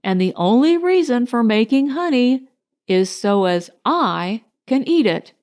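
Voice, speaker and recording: A woman's voice: fairly high pitch, lively intonation, measured pace, a little mellow. A woman voicing a simple, honey-loving male bear in a storybook, musing earnestly and ponderously.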